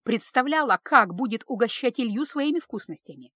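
A woman reads an emotional story aloud with expressive, dramatic delivery. Her voice sits a little high, and the recording is dry and close with no room sound. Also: moderate pace, no echo. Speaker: narrator. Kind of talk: storybook narration.

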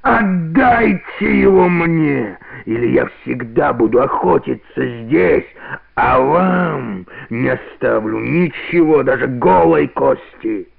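A man voicing a hateful, menacing male tiger in a radio play, with a gravelly, snarling delivery on a narrow-band old radio recording. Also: lively intonation, takes it slowly, exaggerated voice. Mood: snarling, demanding. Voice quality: gravelly, growling. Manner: snarling, demanding, wide swings of pitch.

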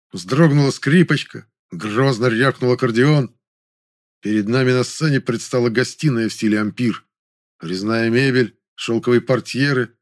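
Wry male audiobook narrator. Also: mid-range voice. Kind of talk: first-person novel narration.

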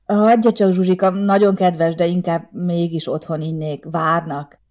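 Brief: woman narrator playing a weary, flustered middle-aged office boss, low and mellow. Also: steady tone, close to an everyday voice. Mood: awkward. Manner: awkward, throat-clearing. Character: tired, sweaty middle-aged male deputy director.

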